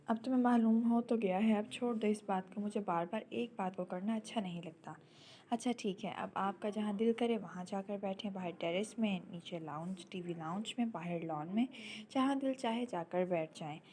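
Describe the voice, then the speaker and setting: A woman reading an audio novel, voicing a gentle young husband who speaks tenderly and reassuringly. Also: mid-range voice, a little hiss or hum, natural voice. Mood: affectionate.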